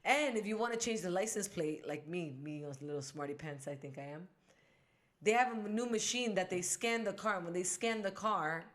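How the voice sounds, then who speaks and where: A woman co-hosting a podcast in casual chat, talking in quick restarts. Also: fairly low pitch, fairly bright tone. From United States. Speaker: podcast co-host.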